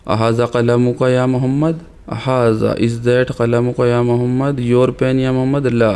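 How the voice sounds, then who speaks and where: A man teaching an Arabic grammar lesson, reading examples slowly and explaining them quickly. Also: medium pitch, level tone, darkish tone, clean tone. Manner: slow deliberate reading of examples, rapid explanations between. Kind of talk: recorded language lesson.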